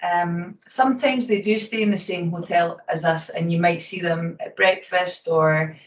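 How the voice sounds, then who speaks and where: A woman with a Scottish accent, a hockey umpire, answering interview questions quickly and casually with lots of fillers. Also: on the low side, steady tone, a little hiss or hum. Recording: roomy sound from a distance from the mic.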